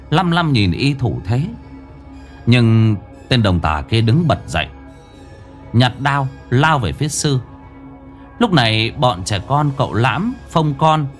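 A man reading a ghost story aloud in a dramatic, expressive storytelling style. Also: mid-range voice. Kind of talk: storytelling narration.

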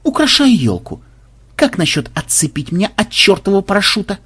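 A man's voice: high-pitched, wildly swooping pitch, fairly quick, a bit bright, slightly rough, voice pushed up, full character voice. A man voicing a laconic, wry male alien in an audiobook. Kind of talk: audiobook voice acting.

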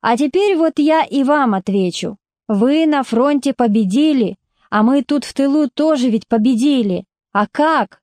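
A woman's voice: a little high, warm tone, no echo, studio quality, lightly acted. A woman voicing a plainspoken working-class mother, blunt, stubborn and speaking in homely folk speech, in a storybook reading.

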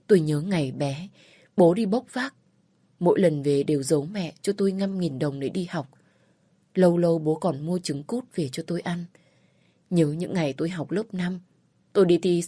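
A woman reading a first-person story aloud in a slow, sorrowful way. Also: on the low side, dark tone, husky, dry recording. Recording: dry close voice over faint music.

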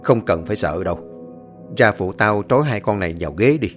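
A man's voice: on the low side, lively intonation, brisk, soft background music, natural voice. A man playing a stern old exorcist. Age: older. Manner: commanding, scolding. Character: stern old male exorcist, gruff former drunkard.

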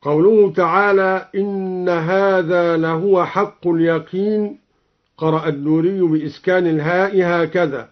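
A man in a formal explanation of reading variants, speaking deliberately and chanting the verses he quotes. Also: sits high, steady tone. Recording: dull lo-fi old radio recording.

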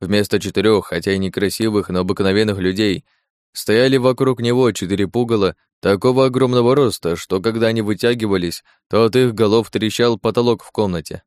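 A man narrating a story in a measured audiobook reading. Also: fairly low pitch, fairly even intonation, a little mellow, dry recording, clean studio sound.

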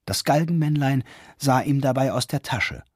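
A man narrating an old fairy tale in a measured, old-fashioned storytelling manner for a radio drama. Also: mid-range voice, animated, a little mellow, slightly rough, dry recording, studio quality. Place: studio.

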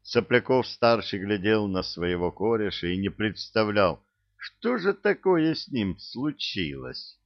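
A man reading a comic army story aloud as narrator, in a deadpan storytelling manner. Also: fairly low pitch, measured pace. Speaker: audiobook reader. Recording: dull dry recording.

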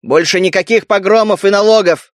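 A man's voice: high voice, a little fast, dry recording, clean studio sound, lightly acted. A man voicing a tough young male leader who barks commands. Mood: commanding. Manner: commanding, barking orders.

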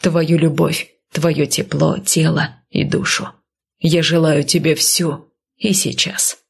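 A woman voicing a weary, possessive man who gives commands, in a low husky whisper, as whispered role-play. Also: flat delivery, takes it slowly, heavily acted. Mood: commanding.

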